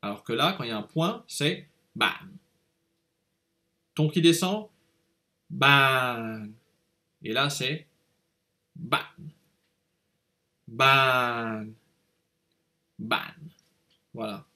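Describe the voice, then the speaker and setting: A man gives a language lesson in a slightly high voice, talking slowly and carefully. He explains each point patiently and says words over and over so the tones can be heard. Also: big pitch swings, bright, forceful tone. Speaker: language teacher.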